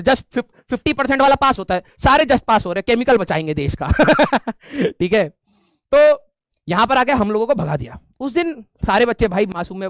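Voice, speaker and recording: A man teacher telling a funny story to his class, animated and laughing often. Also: high-pitched, no room sound, studio quality. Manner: animated, laughing, frequent filler checks.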